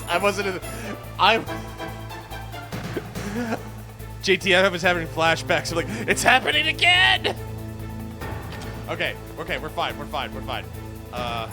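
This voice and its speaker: A man giving casual, jokey game commentary, hamming up mock drama and stammering as he plays. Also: fairly high pitch. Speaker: game streamer.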